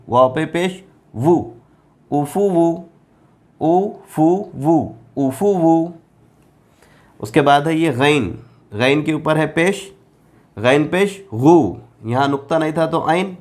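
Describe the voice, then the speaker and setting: Slow, patient man teaching syllables. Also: on the high side. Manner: patient, drills each syllable slowly and repeats it. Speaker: Quran reading teacher. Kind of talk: slow classroom lesson, spelling out syllables.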